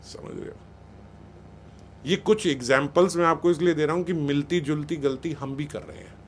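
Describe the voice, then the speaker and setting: A man's voice: a little high, moderate pace, slight background noise. A man giving a spiritual talk on raising children, conversational and scolding, often acting out what parents and teachers say. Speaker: spiritual speaker.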